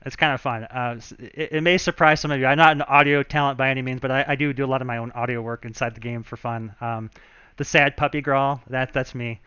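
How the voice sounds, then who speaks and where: A man's voice: medium pitch, steady tone, fast, hardly any pauses, sharp tone, smooth, no echo, muffled recording. A man, a game developer, chatting casually and thinking aloud as he walks viewers through his work on a live stream.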